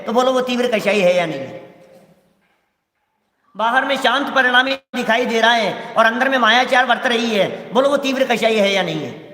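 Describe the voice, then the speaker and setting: A man's voice: very high-pitched, a bit bright. A male preacher giving a scripture discourse, emphatic and questioning as he keeps asking his listeners. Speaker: preacher explaining Jain scripture. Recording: echoey hall with long reverb.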